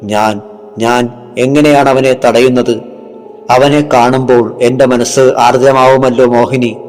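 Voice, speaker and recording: A man's voice: mid-range voice, little pitch movement, a little slow, a little mellow, long reverb tail, faint music behind, close to an everyday voice. A man voicing a frightened young brahmin who stammers fearfully, in a horror storybook reading.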